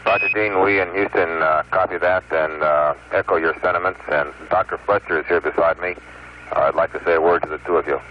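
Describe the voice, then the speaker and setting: A man's voice: low-pitched, steady tone, a little fast. A man at mission control answering briefly and hesitantly over a crackly space radio link. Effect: crackly space radio transmission. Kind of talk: radio communication. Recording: muffled radio link from far off.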